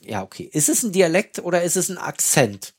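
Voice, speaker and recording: A man from Berlin co-hosts a casual podcast, chatty and lively. His husky voice swings widely in pitch, and his speech sounds a little breathy. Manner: lively, chatty, quick to laugh. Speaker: podcast co-host. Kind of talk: casual chat.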